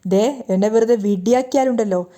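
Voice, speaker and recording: A woman's voice: a little high, fairly quick, lightly acted. A woman voicing a hot-tempered young husband who accuses and scolds in anger. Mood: furious. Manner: shouting, accusing.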